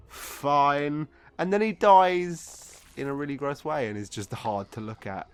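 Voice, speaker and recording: A man's voice: fairly high pitch, slow, smooth. Drunk, rambling man reviewing a film. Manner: drunk, getting drunker, rambling and losing his thread; frequent swearing, exasperated. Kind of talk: casual comedic film review, part scripted and part off-script rambling.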